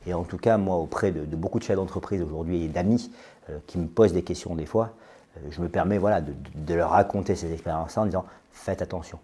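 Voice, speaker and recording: A man nearing forty talks through a podcast interview in a deep, dark, mellow voice. He hesitates constantly, filling pauses and repeating words as he goes. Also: husky. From France. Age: 30s. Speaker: interview guest, business owner.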